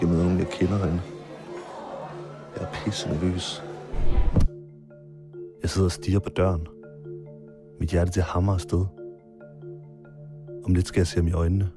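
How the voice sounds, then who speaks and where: A man narrating his own documentary in the first person, calm and measured. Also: low voice. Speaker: filmmaker narrator. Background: marimba music.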